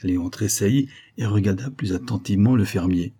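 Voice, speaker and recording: A man reading a classic novel aloud as an audiobook narrator, in a steady, measured way. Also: lowish voice, husky.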